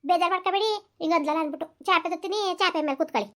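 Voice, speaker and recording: A woman's voice: very high-pitched, rapid-fire, pushed and bright. A woman voicing a caring but defiant young village daughter-in-law with a rural Karnataka Kannada accent, in a village family drama.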